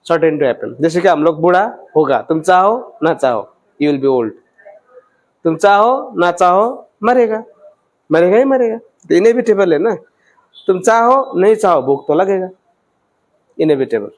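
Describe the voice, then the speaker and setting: A man teaching English vocabulary, often quizzing his students and reading English phrases out slowly. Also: sits high, rough recording. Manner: quizzing, repeats questions to students; mixes English phrases into explanations, reads them slowly. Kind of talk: vocabulary lesson.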